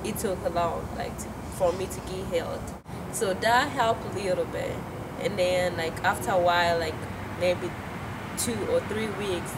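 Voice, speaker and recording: A woman church member tells her story in a rambling way, leaning heavily on "like". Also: on the low side. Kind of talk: personal story for a documentary. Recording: distant mic, loud background noise.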